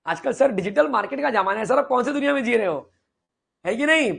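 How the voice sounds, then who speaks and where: Speaking fast with an extremely high pitch and vocal fry, a male chemistry teacher runs a lively online lecture. He teases playfully, fires questions at students, and supplies the answers himself.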